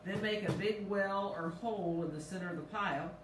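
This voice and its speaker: A woman pastor co-hosting a casual cooking livestream, chatty and excitable as she reads recipe lore aloud in a church kitchen. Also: mid-range voice, a little fast, reverberant, distant mic, slight background noise, rough recording. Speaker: pastor and cooking show co-host.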